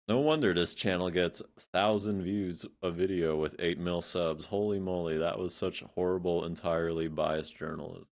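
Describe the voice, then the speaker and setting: A commentary streamer with a low-pitched, steady voice at normal speed delivers blunt, sarcastic reaction commentary. He swears freely and scatters fillers throughout.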